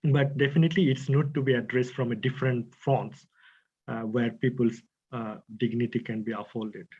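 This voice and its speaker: A man answering audience questions in an online lecture, pausing often and searching for his words. His voice is husky and slightly breathy. The call audio is dull and lo-fi. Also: mid-range voice, fairly even intonation, darkish tone. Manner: hesitant, searching for words with many fillers. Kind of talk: academic Q&A over video call. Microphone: video call.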